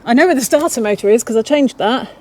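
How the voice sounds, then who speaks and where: A woman with a high-leaning, animated voice talks fast while vlogging repairs on her motorbike at home in the garage. She's chatty and self-mocking, reading the instructions out loud as she goes.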